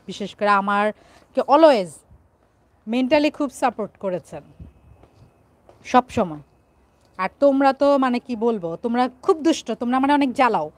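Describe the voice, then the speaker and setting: Woman, young adult, live-stream vlogger, playful, teasing, somewhat high voice. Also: dry recording. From Bangladesh. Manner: playful, teasing, reads out viewer comments. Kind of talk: casual live-stream chat.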